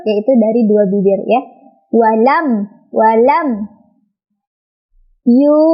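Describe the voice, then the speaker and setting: High-voiced Indonesian woman teaching children. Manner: patient, repeats and models recitation slowly. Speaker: Quran recitation teacher. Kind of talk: online lesson for children. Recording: dull lo-fi recording.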